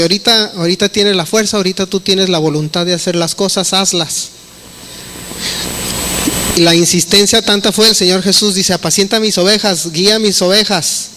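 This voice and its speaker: A man's voice: sits high, sharp tone, a little hiss or hum. A middle-aged man, preaching a conversational sermon and acting out the quoted dialogue.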